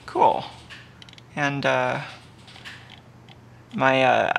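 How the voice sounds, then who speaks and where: Male streamer, casual workshop chat, thinks aloud with fillers, bright tone. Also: mid-range voice, vocal fry, a little hiss or hum. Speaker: live streamer building an electronics kit. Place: home workshop.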